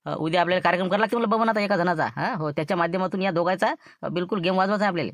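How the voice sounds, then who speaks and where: A man's voice: sits high, racing, a bit bright, no echo, studio quality. A man with a Varhadi Marathi accent playing a boastful schemer in a comic sketch, rambling about his plans. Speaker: scheming villager in a comedy skit.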